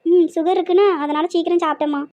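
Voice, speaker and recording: Cartoon casting: very high, fast-talking village mom with a Tirunelveli accent who scolds nonstop. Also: female voice, steady tone, a little mellow. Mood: weary. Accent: Tirunelveli Tamil. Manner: shrill scolding, melodramatic complaints. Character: nagging middle-aged village mother.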